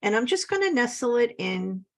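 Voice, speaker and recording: A woman's voice: on the high side, big pitch swings, normal speed. A woman giving a casual, chatty scrapbooking tutorial, upbeat and full of little laughs. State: slight cough. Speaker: scrapbooking instructor.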